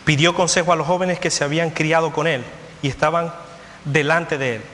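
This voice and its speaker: With a long church hall echo and faint room noise in the background, a pastor delivers a sermon a little fast. His voice is bright, forceful, and somewhat higher than most men's, and he repeats his points in a steady preaching rhythm.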